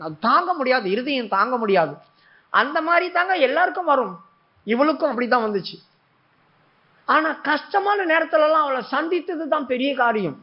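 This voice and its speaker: Man preacher, very high voice, dramatic sermon, dull lo-fi sound. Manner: dramatic, acts out prayers and God's replies.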